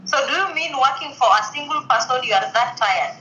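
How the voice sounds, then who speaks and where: A woman's voice: sits high, lively intonation, a little fast, echoey room, dull audio, noisy background. A woman interviewing a guest, asking hesitant questions full of fillers. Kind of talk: casual interview.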